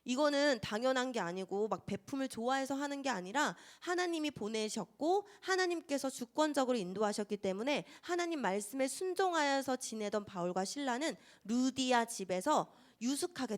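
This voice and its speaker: Lively woman teaching a children's Bible lesson. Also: high voice, fairly quick, hardly any pauses. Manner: lively, asks children questions and acts out scenes.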